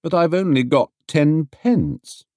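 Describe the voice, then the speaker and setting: A man's voice: on the high side, slow pace, mellow, dry recording, clean studio sound, voice pushed up. A man voicing a small, polite young male bear in a storybook, earnest and plaintive.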